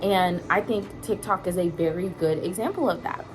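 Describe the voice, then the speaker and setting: A woman's voice: fairly low pitch, moderate pace, poor audio. Casual, emphatic woman vlogger with music behind. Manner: emphatic, repeats words for emphasis; informal, slangy, swearing. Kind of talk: casual opinionated chat to viewers.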